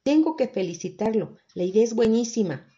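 A woman's voice: a little high, lively intonation, fairly quick, dark tone, muffled recording, close to an everyday voice. A woman voicing a formal, encouraging male cricket teacher in a storybook, in a teacherly manner.

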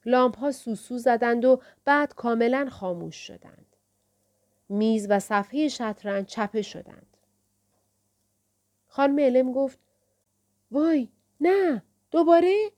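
A woman reading an audiobook aloud in a measured, lyrical way. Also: fairly high pitch, a little mellow. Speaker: audiobook narrator. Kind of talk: audiobook narration.

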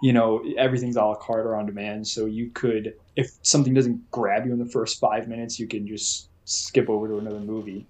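Animated young man telling stories. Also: fairly low pitch, a little fast, hardly any pauses. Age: young adult. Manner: animated storyteller, acts out quoted people. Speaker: podcast co-host. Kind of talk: casual chat.

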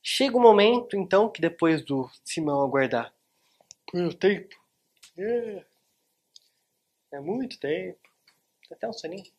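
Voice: medium pitch, animated, unhurried, pauses often, a little mellow, husky. A literature teacher with a Brazilian accent retells a novel in a chatty, informal online lesson and talks straight to the viewers. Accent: Brazilian Portuguese.

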